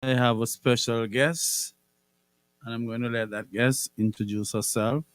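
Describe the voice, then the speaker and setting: A middle-aged man hosting a radio interview show, speaking in a measured way and repeating phrases for emphasis. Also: mid-range voice, fairly even intonation, clear, resonant tone. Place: radio studio.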